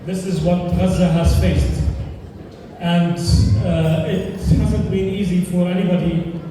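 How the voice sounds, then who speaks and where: A high-voiced man from Palestine speaks earnestly to a dinner crowd, pausing often as he gathers his words. The sound is distant and roomy, with long reverb from a large hall and audible background noise. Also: steady tone, mellow. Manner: earnest, measured delivery with frequent pauses and fillers. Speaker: charity dinner speaker, doctor. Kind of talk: speech at a fundraising dinner. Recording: echoey hall, distant mic, noisy.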